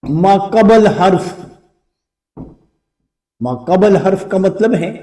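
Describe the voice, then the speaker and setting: A male teacher with an Urdu accent who explains slowly, repeating words to show their pronunciation in a classroom lesson. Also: high voice, dark tone, roomy sound, far from the mic. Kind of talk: slow blackboard lesson.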